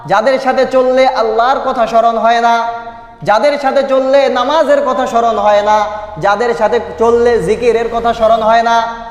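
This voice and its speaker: An older man preaching a sermon, asking the crowd rhetorical questions and chanting verses in a slow melody. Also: very high voice. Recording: echoey hall, sound from a distance.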